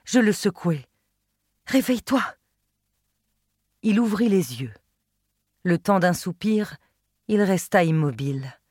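A woman reading a literary novel aloud in a measured, expressive first-person telling, close to the mic. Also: fairly low pitch, no room sound. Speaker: audiobook narrator. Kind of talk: literary audiobook narration.

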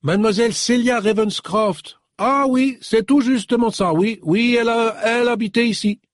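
A man reading an audiobook, voicing a woman with a strong foreign accent who speaks in broken, halting phrases. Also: high-pitched, dry recording, studio quality, pitched above the performer's own voice. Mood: puzzled. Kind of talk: audiobook character voice.

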